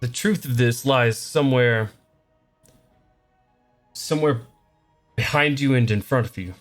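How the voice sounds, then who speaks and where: A man voicing a female fortune teller in a tabletop game, cryptic and halting as she gives vague prophecies. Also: medium pitch, soft background music, lightly acted. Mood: solemn, cryptic.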